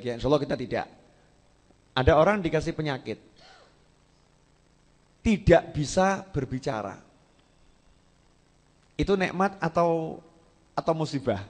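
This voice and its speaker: A man with a Javanese accent preaching a sermon in a lively, joking way, often acting out other people's voices. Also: a little high, long reverb tail.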